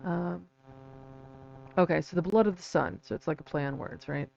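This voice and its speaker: A man with vocal fry giving a casual, halting livestream explanation, often checking in with a quick "right?" or "okay". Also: on the high side, darkish tone. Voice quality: vocal fry from an old vocal cord injury. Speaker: livestream host and researcher. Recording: dull lo-fi mic with faint hum.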